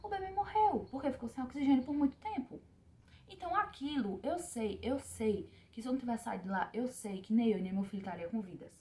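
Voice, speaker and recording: A woman's voice: on the high side, expressive, a little fast, mellow. A young woman tells a personal story to her viewers. She talks with emotion, speaks to her audience directly and repeats words for emphasis. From Pernambuco, Brazil. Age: young adult. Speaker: vlogger.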